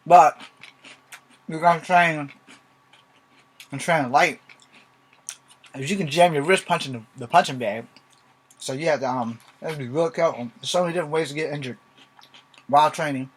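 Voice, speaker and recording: A man with a voice a little higher than average speaks in loose, rambling vlog style. He is blunt and informal, dropping swear words freely. He comes across as a martial arts vlogger talking straight to his viewers. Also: moderate pace, pauses often, husky. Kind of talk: casual rambling vlog talk. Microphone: filming from a laptop.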